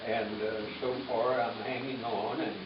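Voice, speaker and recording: A man's voice: mid-range voice, little pitch movement, a little slow. An elderly man telling family stories informally, in a rambling, folksy, jokey way. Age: 80s. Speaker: family elder giving a speech at a reunion. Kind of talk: informal storytelling speech. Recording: muffled, distant, echoey room with crowd noise. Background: crowd noise.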